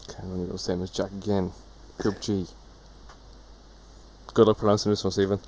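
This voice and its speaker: Young male co-host, very low voice, teasing and brisk, faint noise behind. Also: little pitch movement, a little mellow, poor audio. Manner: teasing, runs the segments. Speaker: podcast co-host. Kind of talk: casual chat.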